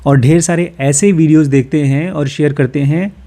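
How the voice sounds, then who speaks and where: With a steady tone and normal speed, this mellow voice sits on the high side. The man, a course teacher from Uttar Pradesh, India, reads English excerpts from a self-help book aloud and explains them informally using everyday personal examples.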